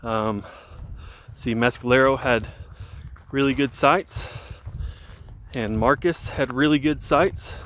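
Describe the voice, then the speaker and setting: Walking down a mountain trail, a thirtysomething man vlogs his hike, the camera at arm's length as he goes. His medium-pitched voice moves slowly through relaxed, rambling chatter, peppered with fillers and false starts.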